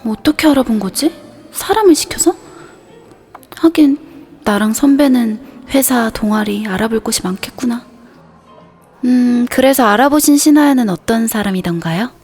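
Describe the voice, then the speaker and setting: Shy, high-voiced young woman. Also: normal speed, darkish tone, husky, faint music behind. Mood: nervous inner thought. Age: young adult. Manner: timid, hesitant, polite. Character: shy, flustered young woman, earnest and polite, in love. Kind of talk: romance audio drama acting with inner monologue.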